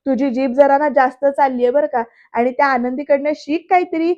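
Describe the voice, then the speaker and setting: A woman's voice: sits high, steady tone, fairly quick, dark tone, muffled recording, lightly acted. A woman voicing a teasing, bossy young man who needles his passenger. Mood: needling.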